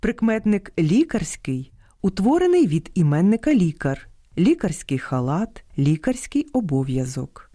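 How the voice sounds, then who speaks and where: A woman hosting a scripted radio program on language, reading clearly and stressing words with care. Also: lowish voice, dry recording, clean studio sound. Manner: clear, careful stress on words, lively read-aloud quotes. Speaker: radio host. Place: radio studio.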